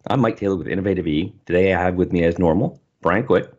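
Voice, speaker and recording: A man hosting a podcast, an easygoing storyteller with a husky voice. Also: sits low, quick pace, a little mellow, lo-fi sound. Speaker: podcast host. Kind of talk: casual podcast conversation.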